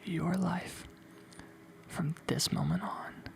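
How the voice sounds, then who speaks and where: An ASMR host whispers encouragement in a breathy, unvoiced voice, repeating motivational phrases over and over. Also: mid-range voice, steady tone, takes it slowly.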